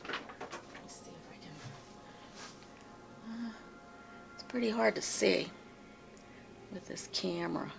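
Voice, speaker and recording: In her indoor home art studio, a soft-spoken woman with a Pittsburgh accent walks through a step-by-step painting tutorial. Her lowish voice carries vocal fry, and she talks unhurriedly, murmuring to herself as she paints. A camera mic far off behind her picks her up at a distance, with faint music in the background.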